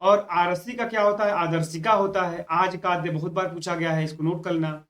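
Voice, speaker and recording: High-voiced man teaching a Hindi lesson. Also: steady tone, brisk, fairly bright tone. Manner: repeats key words, tells students to note things down. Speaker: Hindi exam tutor. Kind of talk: online exam-prep lesson.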